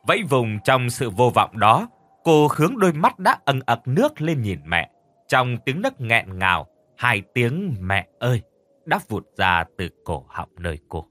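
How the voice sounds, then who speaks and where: A man narrating a scripted horror story with dramatic, expressive delivery. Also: mid-range voice, no echo. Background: faint music.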